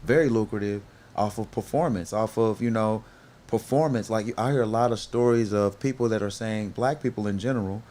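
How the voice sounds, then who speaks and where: A man's voice: on the low side, fairly quick, a little mellow. A middle-aged man hosting a podcast in a casual, earnest way, often stopping to restart and calling his guest "bro". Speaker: podcast host. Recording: faint background noise.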